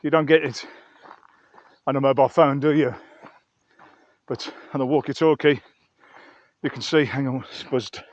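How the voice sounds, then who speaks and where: Out on a mountain trail, a man reviews his gear for a vlog, musing aloud and rambling casually as he walks. His medium-pitched voice has fairly even intonation and a moderate pace, and the recording is dry and dull.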